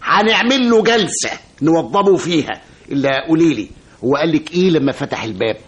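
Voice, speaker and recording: An actor plays a smooth Egyptian fixer who soothes and flatters his way out of trouble. His voice swings widely up and down, and he stumbles over his words when pressed. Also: fairly high pitch, fast, close to an everyday voice. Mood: coaxing. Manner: flattering, stammers when cornered. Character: wily male fixer, smooth-talking.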